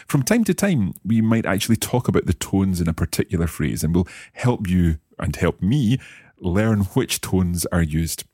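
A man's voice: low voice, darkish tone, breathy edge, no echo, clean studio sound. A man hosting a language lesson as the learner, asking curious questions and carefully repeating words after his teacher. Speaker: host and learner.

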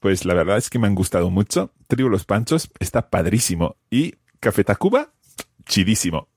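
A man with a lowish, husky voice talks in a casual lesson chat, curious and keen to ask follow-up questions. His voice is recorded dry and close, with no room sound around it. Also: sing-song, brisk, darkish tone, dry recording. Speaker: podcast co-host and Spanish learner.

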